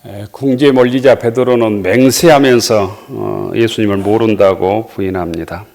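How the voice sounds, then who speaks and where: Man, pastor, sermon, measured scripture reading, hesitant fillers. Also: fairly low pitch, fairly even intonation, gravelly, darkish tone.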